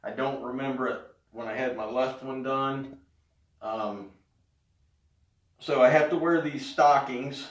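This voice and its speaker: Middle-aged man, casual vlog update, halting delivery, roomy echo, distant mic. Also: medium pitch. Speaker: vlogger giving a health update. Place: indoors in an echoey room. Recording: echoey room, distant mic.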